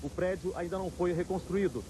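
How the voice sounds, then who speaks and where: A man's voice: sits high, fairly quick. A man with a Brazilian accent reporting live as a foreign correspondent. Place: outdoors in a busy city square. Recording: clearly noisy outdoor city ambience.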